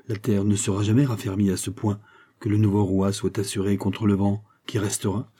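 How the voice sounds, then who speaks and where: An anxious, indignant middle-aged minister , as an audiobook reader puts him on, pleading and exclaiming in a dark, husky, low voice. The words press forward urgently. It is a storybook performance of a man of state. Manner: pleading, rising to outraged exclamations. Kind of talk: audiobook character reading.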